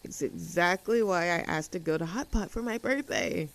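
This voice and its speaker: In an intimate roleplay audio drama, a woman with a fairly low, gravelly voice plays a cheerful, easygoing young tomboy friend. She talks at a moderate pace, casual, chatty and affectionate, sounding excited.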